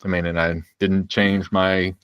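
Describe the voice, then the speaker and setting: Lower-voiced easygoing male podcast host. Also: little pitch movement, a little slow, clear, resonant tone, no echo, lo-fi sound. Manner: easygoing storytelling with hedging fillers. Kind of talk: casual chat.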